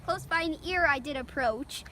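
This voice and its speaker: A woman's voice: sits high, normal speed, natural voice. A female-sounding performer playing an earnest young peacekeeper in an amateur Shakespeare parody. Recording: faint background noise.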